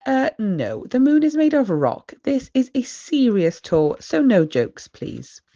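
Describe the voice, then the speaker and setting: A woman acts out an earnest British gentleman rabbit guiding a tour in a storybook. He is strict and instructive, with big emphatic swings in tone, on a slightly dull recording. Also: on the high side, wildly swooping pitch, slow, pitched above the performer's own voice, heavily acted. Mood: stern.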